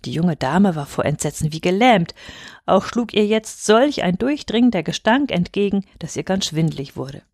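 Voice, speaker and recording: A woman reading a folk tale aloud in even, clear storytelling narration. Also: fairly low pitch, moderate pace, dry recording, clean studio sound. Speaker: reader.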